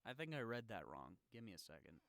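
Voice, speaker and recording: A man's voice: lowish voice, sing-song, quick pace, gravelly, a bit bright. A young man co-hosting a podcast in casual chat, laughing often and swearing freely while thinking aloud. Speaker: podcast co-host.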